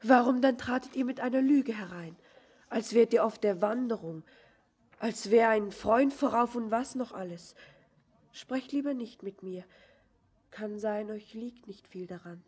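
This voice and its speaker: Anna, a husky innocent girl. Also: medium pitch, unhurried, mellow. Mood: hurt, wary. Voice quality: husky, tremulous, breathy whispers. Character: young woman Anna, innocent daughter of a miner's household. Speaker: actress in a radio play. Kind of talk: verse radio drama acting.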